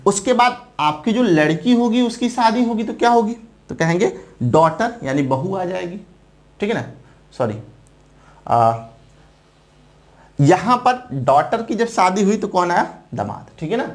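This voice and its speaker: In a classroom lecture for exam students, a man with a high-pitched, very animated voice speaks a little slowly. He poses questions to the viewer and answers them himself, repeating points and checking in often with "right?" and "theek hai na."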